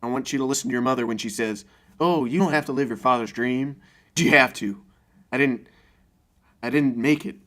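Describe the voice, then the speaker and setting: A man's voice: medium pitch, a little fast, pauses often, fairly bright tone, natural voice. A man playing a stern, pompous scout father who instructs his young son solemnly in an improvised comedy sketch.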